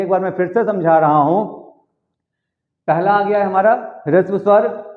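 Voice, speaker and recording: A man with a high, bright voice teaches young pupils, pulling long sounds out slowly and answering the questions he puts to them. The sound is narrow and phone-like, and it bounces around a roomy, echoing space. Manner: drawn-out vowels and rhetorical questions he answers himself. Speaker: Hindi teacher. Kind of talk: classroom lesson for children.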